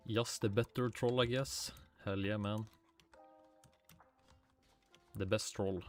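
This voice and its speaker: Speaking at a normal speed in a lowish, steady voice, this streamer from Sweden has a Swedish accent and keeps a casual game livestream going by muttering to himself, lightly swearing and responding to chat. Faint music and keyboard typing can be heard behind him.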